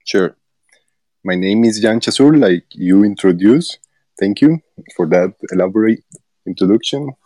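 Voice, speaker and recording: A man from Rica, a developer guest on a podcast interview, speaking in a halting way with frequent fillers and restarts. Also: fairly low pitch, expressive, dark tone, no echo. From Costa Rica.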